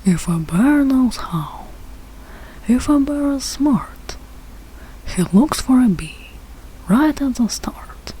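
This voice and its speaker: A woman's voice: high voice, lively intonation, slow pace, pauses often, mellow, a little hiss or hum, voice pushed up, low-quality recording. A woman voicing a confident, boastful father bear from a rhyming storybook, speaking in a self-assured, instructive way.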